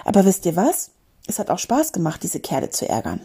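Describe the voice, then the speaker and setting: A woman's voice: on the low side, huge pitch swings, brisk, dark tone, slightly rough, exaggerated voice. A woman doing a jolly, mischievous Christmas creature. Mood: good-natured.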